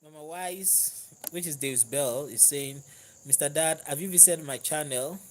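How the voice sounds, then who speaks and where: Reading out viewer comments, a Nigerian livestream host who speaks Yoruba as his first language keeps things conversational, laughing readily and thanking viewers warmly. His voice leans high at a measured pace, with slight background noise.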